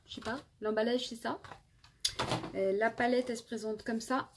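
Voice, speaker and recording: A woman's voice: a little high, steady tone, normal speed, a little hiss or hum. A woman in her twenties casually reviewing makeup palettes as a beauty vlogger, chatty with many fillers and restarts, filmed on a phone indoors. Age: 20s. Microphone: phone camera.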